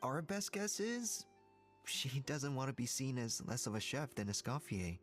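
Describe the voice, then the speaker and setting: An actress playing an earnest, somewhat worried kitchen staffer in a video game, with a hesitant manner. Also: female voice, a bass voice, sing-song, a little slow, soft background music, heavily acted.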